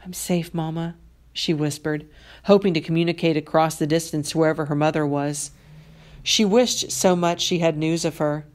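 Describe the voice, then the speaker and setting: A woman teacher reads a novel aloud to her class. Her voice sits low and deep for a woman. She reads in a measured, expressive way, giving the story its weight.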